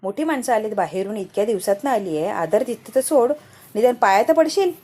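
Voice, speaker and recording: A woman's voice: mid-range voice, expressive, brisk, mellow, close to an everyday voice. A woman reading out the lines of a stern old grandmother who scolds her daughter-in-law. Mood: scolding. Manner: scolding, lecturing.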